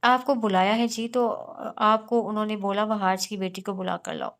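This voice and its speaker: Woman reader as cheeky maid around 30, chattering, smooth tone. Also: medium pitch, little pitch movement, normal speed, lightly acted.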